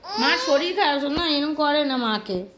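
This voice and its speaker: A young woman with a Kolkata Bengali accent, her voice sitting high. She chats casually at home and coaxes her little one, sounding tired and run down with fever. A faint hiss sits under the home recording. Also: big pitch swings, moderate pace. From Kolkata, India. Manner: coaxing and chatty, often talking to her toddler. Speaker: vlogger and mother. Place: family home.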